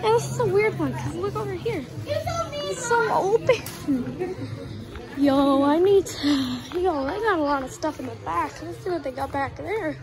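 A woman vlogging a casual walkthrough of a large busy store, rambling and excitable, recorded on a handheld phone. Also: very high voice, unhurried, rough recording. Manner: excitable, rambling, easily amazed. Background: loud music and crowd.

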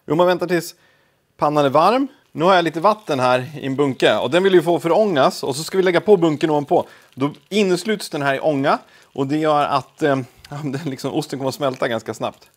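A man with a slightly high voice talks through a recipe in his home kitchen. He is chatty and casual, with offhand, self-deprecating asides as he cooks. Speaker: home cooking video host. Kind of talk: casual cooking demonstration.

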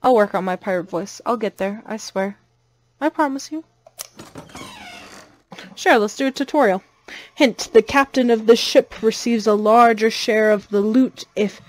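A woman's voice: a little high, unhurried, pauses often. A young woman hosting a let's-play, giving playful, chatty commentary and jumping easily. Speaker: gaming channel host.

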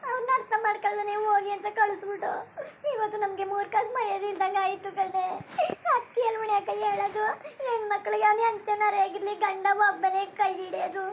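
A woman's voice: very high-pitched, little pitch movement, fairly quick, background noise. Woman voicing a tearful, pleading younger sister-in-law. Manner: pleading, sobbing. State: crying. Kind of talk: cartoon voice acting.

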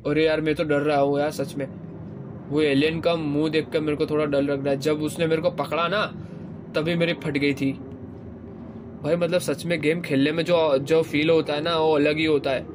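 A young man giving casual, excitable commentary while playing a horror game, swearing playfully and yelping high when scared. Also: moderate pace, background noise. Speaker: gaming YouTuber. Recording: game music loud behind voice. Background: horror game music.

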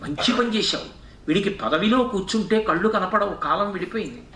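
Middle-aged male preacher, bright high voice, chants verse between questions, far-off echoey hall recording. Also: expressive, a little fast, slight background noise. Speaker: spiritual discourse speaker. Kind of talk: devotional discourse.

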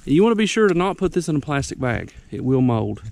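A man's voice: on the high side, big pitch swings, fast talker, gravelly, a little mellow, slight background noise. A young man, out of breath, giving folksy, rambling how-to tips outdoors on a wooded mountainside. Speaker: ginseng hunter vlogger. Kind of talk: casual outdoor how-to vlog.

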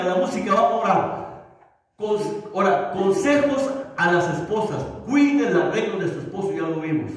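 A man, a pastor, preaching a sermon with humor and acting out little dialogues. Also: high voice. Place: church hall. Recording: echoey hall from far off.

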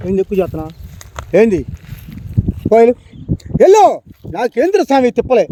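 A man in a heated, defiant argument outdoors by farm fields, shouting back and refusing to leave. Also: very high voice, big pitch swings, brisk, noisy background.

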